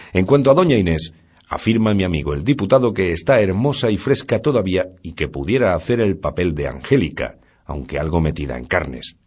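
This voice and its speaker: Man, audiobook narrator, measured storytelling, very low pitch, husky. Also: darkish tone. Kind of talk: scripted narration of a classic novel.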